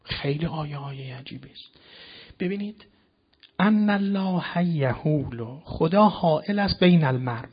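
A man preaching a sermon to an audience in a hall, explaining step by step and reciting Quranic verses slowly and deliberately. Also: on the high side, slightly rough, lo-fi sound. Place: lecture hall with a live audience.

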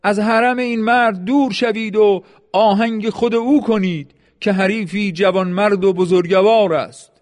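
A man's voice: fairly high pitch, hardly any pauses, lightly acted. A man voicing a harsh enemy commander who barks his orders. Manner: shouting, commanding.

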